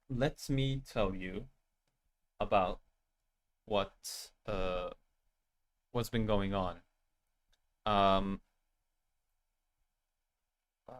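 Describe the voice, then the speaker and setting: A man with a youthful-sounding voice that still sits a little low, talking casually to his viewers as he wraps up a game stream. He rambles in a loose, self-deprecating way, speaking straight to his chat. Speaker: game streamer with an animated avatar.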